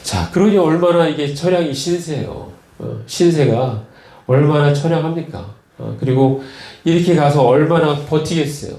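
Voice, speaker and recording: A male pastor preaching a sermon, retelling stories slowly with frequent fillers and repeated words. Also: on the high side, mellow, echoey room. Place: church.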